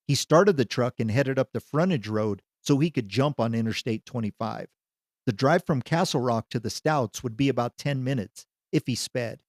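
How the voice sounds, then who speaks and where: A man narrating a story in an even, measured reading voice. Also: mid-range voice, no echo, studio quality.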